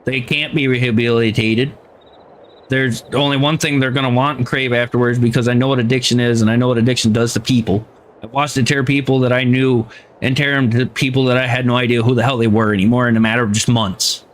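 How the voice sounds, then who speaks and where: A man's voice: medium pitch, flat delivery, quick pace. A man streaming a game, ranting heatedly in casual chat and swearing freely. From United States.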